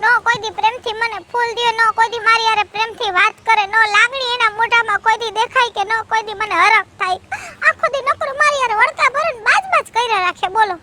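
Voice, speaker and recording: Woman playing a very high-voiced young village wife with a saurashtra accent, teary complaints, loud noisy background. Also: fast talker, few pauses. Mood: aggrieved. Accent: Saurashtra Gujarati. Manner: complaining, tearful pleading. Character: neglected young village wife, tearful and aggrieved. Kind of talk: village comedy sketch acting.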